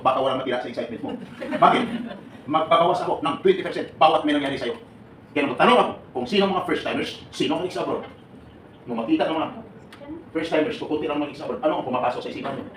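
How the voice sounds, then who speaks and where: A man from the Philippines with a somewhat high voice, animated and laughing as he quizzes a live seminar audience. He mixes English into his Filipino. The recording is roomy and distant, with clear background noise. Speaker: seminar speaker for departing overseas workers. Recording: echoey room, distant and noisy.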